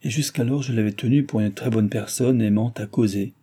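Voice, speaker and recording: A man reading a classic novel aloud as an audiobook narrator, in a measured, steady, literary way. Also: medium pitch, husky.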